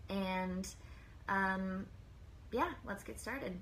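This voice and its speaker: A woman's voice: mid-range voice, extremely slow, a bit bright, a little hiss or hum, rough recording. Chatty woman hosting a live stream. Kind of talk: casual live chat.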